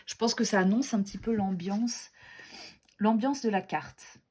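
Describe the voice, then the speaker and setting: This deck reviewer's voice is mid-range and dark-toned, and she takes her time. She chats casually as she presents tarot and oracle decks, gushing over them, putting herself down, and filling the talk with fillers and false starts.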